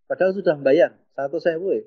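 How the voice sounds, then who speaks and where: A man's voice: on the high side, brisk, slightly rough. A man speaking as a pediatric physiotherapist answering webinar questions, explaining in detail with light joking. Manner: explanatory, joking, with a Javanese touch. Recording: dull lo-fi online call audio.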